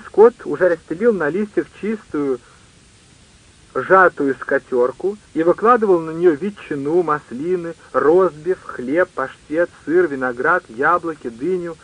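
A man narrating an audiobook in a measured, even reading. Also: fairly high pitch, rough recording.

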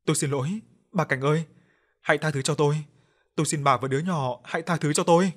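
A man's voice: a little high, steady tone, fast, voice pushed up, close to an everyday voice. A man voicing a guilty village healer who sobs and begs for forgiveness, in an audio story. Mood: desperate pleading. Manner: sobbing, desperate pleading.

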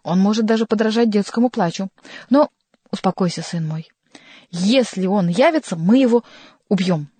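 A woman's voice: medium pitch, normal speed, mellow, husky, no echo, lightly acted. A woman voicing a sly male court jester who teases and mocks in an ironic manner, reading a storybook. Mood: mocking. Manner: teasing, ironic.

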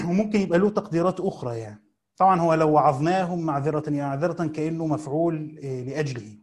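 A man with an Egyptian Arabic accent teaching Quran commentary, reading passages slowly and then explaining them in quick colloquial asides. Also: fairly high pitch.

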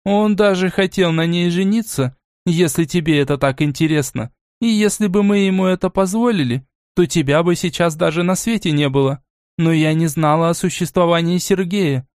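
A stern, aristocratic old grandmother played by a man speaks in a measured, cool, commanding way in this audiobook. Her voice sits a little high. The recording is dry and close. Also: a little mellow, clear, resonant tone, no echo, natural voice. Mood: angry.

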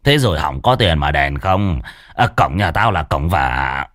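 A man's voice: a bass voice, big pitch swings, measured pace, no room sound, clean studio sound, voice pushed down, exaggerated voice. A man doing a grumpy old village sorcerer. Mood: scolding. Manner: gruff, grumbling, irritable.

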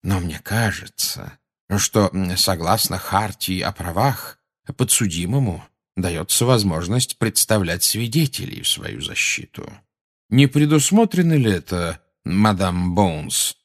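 A man voicing a calm, courteous old wizard who speaks in a polite, measured way in an audiobook. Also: fairly low pitch, voice pushed up.

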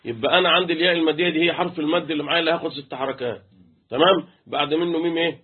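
Over a tinny, phone-like line, a man with an Egyptian Arabic accent runs an interactive tajweed lesson, quizzing students on Quran recitation rules and chanting letters. His voice is a little high, steady and slightly rough, and he talks very fast.

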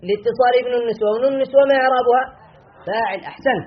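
A man with a strikingly high voice teaches grammar to a class. He quizzes his students and answers his own questions, drilling key terms again and again. The classroom recording sounds dull and lo-fi. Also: very fast, breathy edge.

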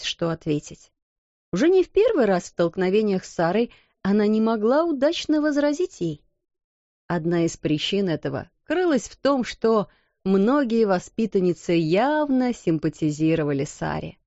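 A woman narrating a children's story aloud, animated and acting out the characters. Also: medium pitch, no echo, muffled recording. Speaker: audiobook narrator. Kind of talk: expressive storybook reading.

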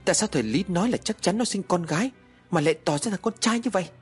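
A man voicing a harsh, domineering old woman who scolds and curses her household in a shrill voice. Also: big pitch swings, fast talker, husky, faint music behind. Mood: furious scolding.

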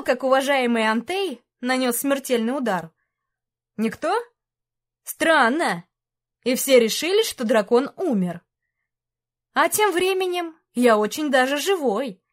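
Woman voicing a sly mocking male dragon. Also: sits high. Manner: teasing, sarcastic.

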